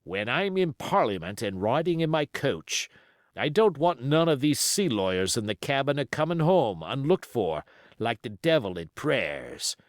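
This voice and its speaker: Playing a crafty, commanding pirate sea cook from a storybook adventure, the male reader talks slowly with folksy sailor grammar, choosing his words carefully. His pitch rises and dips in big swings, and his mood is cold and menacing. The close, dry recording has no echo.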